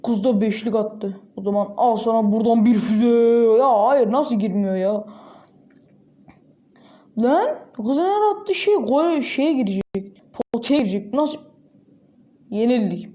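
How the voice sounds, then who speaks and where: With a soft, mellow voice that sits fairly high, this gaming channel host walks through a mobile game at a measured pace, casual and chatty. Every so often she erupts into excited exclamations.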